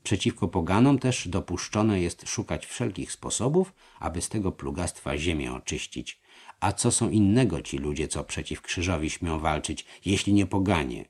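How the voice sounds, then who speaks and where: A man voicing a weary, grave old grand master of a knightly order who speaks in measured, sighing tones. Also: deep voice, expressive, a little mellow, breathy edge, heavily acted. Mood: stern.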